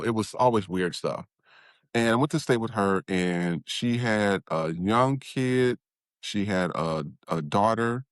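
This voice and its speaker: A man as an interview guest, candidly recounting his childhood with halting restarts and acted-out quotes. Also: sits low, no room sound, studio quality. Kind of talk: personal storytelling interview.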